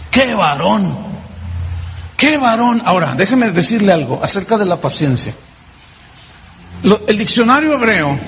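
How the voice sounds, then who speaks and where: A man's voice: high-pitched, a bit bright, long reverb tail, a little hiss or hum. A male pastor delivering a sermon, preaching emphatically and firing rhetorical questions at the congregation.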